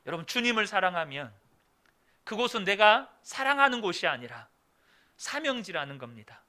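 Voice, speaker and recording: A man's voice: high-pitched, sing-song, moderate pace, sharp tone. A middle-aged male pastor preaching a sermon, reading a story aloud and then addressing the congregation.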